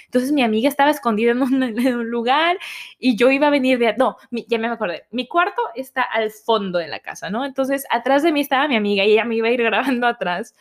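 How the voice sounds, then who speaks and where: A young Mexican woman with a Mexican accent, telling a personal story to her viewers in a casual, animated way and acting out her family's voices. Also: a little high, fast talker. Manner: animated, acts out voices of family, laughs often. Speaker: vlogger.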